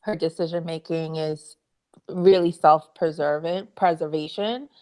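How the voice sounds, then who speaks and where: Lady on a book club call, kinda low pitched, relaxed and chatty. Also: unhurried. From U.S. Virgin Islands. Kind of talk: casual book club livestream chat.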